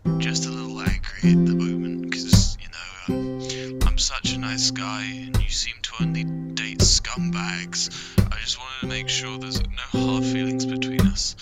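A man's voice: medium pitch, steady tone, a little slow. Man leaving a creepy voicemail. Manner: creepy, needy, swings between threats and apologies. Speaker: spurned caller. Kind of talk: comedic sung-spoken skit. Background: guitar music.

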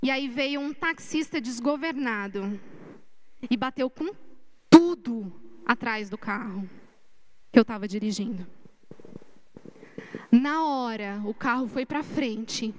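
High-voiced Brazilian woman giving a testimony. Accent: Brazilian Portuguese. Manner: animated storytelling, talks straight to the audience. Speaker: youth church speaker. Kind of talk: testimony sermon to a youth group. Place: church.

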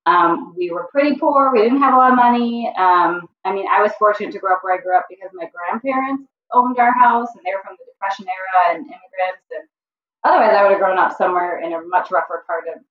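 A woman's voice: mid-range voice, quick pace, echoey room, recorded from a distance, dull audio. A woman who works as a school counselor, from the Chicago area, telling her story candidly in an interview with many ums and restarts. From Chicago area, USA. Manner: candid, frequent ums and self-corrections.

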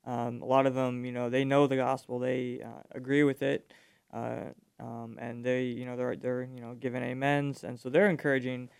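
A young man talks easily as a guest on a faith show, dropping ums and likes as he goes. His voice is smooth with a gravelly edge, and the recording is dry. He sits at a middle pitch. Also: level tone, normal speed, dry recording. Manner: easygoing, many ums and likes. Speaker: ministry guest, reservist. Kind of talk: casual interview answers.

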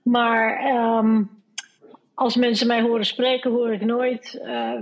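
A woman's voice: a little high, little pitch movement, takes it slowly, dull audio. A woman joining a podcast as a guest, thinking aloud with some hesitation. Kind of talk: casual podcast chat.

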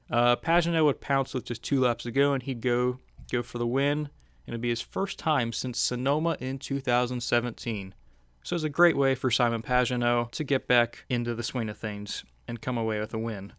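A man's voice: mid-range voice, fairly even intonation, normal speed, a bit bright, clean tone, no room sound, studio quality. A man hosting a casual race recap, talking conversationally with frequent filler sounds. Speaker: racing recap host.

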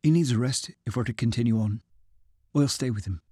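A caring, protective young woman, as a male narrator reads her, brisk and firm. She speaks plainly and stands her ground. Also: medium pitch, warm tone, no room sound, studio quality, close to an everyday voice.

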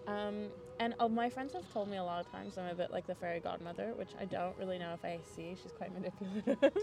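This young adult podcast guest, from Europe and mostly Switzerland, Belgium and Scandinavia, talks fast in a creaky, medium-pitched voice. She tells casual conversational stories in a chatty way, often making fun of herself.

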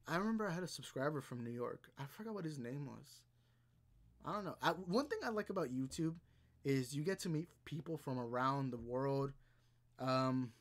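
Young male streamer, casual, rambling, laughing, mid-range voice. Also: medium pitch. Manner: rambling, chatty, laughs often, many ums. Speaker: livestream host. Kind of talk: casual live-stream chat reading viewer comments.

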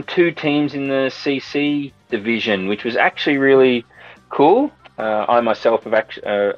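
A man's voice: medium pitch, no echo, muffled recording. A middle-aged man hosting a casual podcast chat in an informal way. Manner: informal, says mate. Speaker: podcast host.

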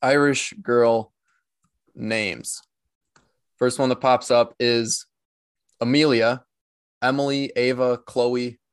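A man's voice: medium pitch, fairly even intonation, slow pace, pauses often, clear, resonant tone, no room sound, clean studio sound. A man co-hosting a casual podcast, easygoing and hesitant, often restarting his sentences. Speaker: podcast co-host.

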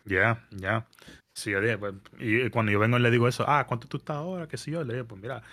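A man, telling a story in casual podcast chat, animated and mixing in English words. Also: medium pitch, fast talker. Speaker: podcast guest. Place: New York area.

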